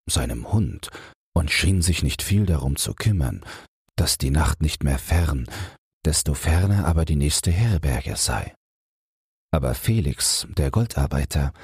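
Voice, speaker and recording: Man, audiobook narrator, bedtime story, calm measured reading, deep voice, dry close sound. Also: slightly rough, no echo.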